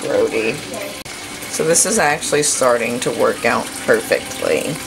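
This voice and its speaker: Her voice is extremely low, creaky and measured, and the audio quality is poor. A cooking vlogger in her thirties chats casually and talks to herself while cooking in her home kitchen, captured on a camera mic amid kitchen noise and a running tap.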